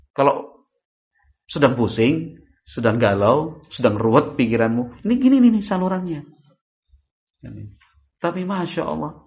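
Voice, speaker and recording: Guy preaching at a study session, animated, asks the crowd stuff, kinda muffled audio. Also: mid-range voice. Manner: lively, rhetorical questions to the audience. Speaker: Islamic preacher. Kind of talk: religious study lecture.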